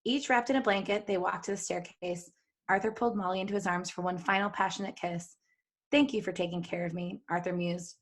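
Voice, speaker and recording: This woman co-hosts a podcast, reading fan fiction aloud in a giggly, jokey manner and stopping for casual asides. She speaks briskly in a low-ish, steady voice.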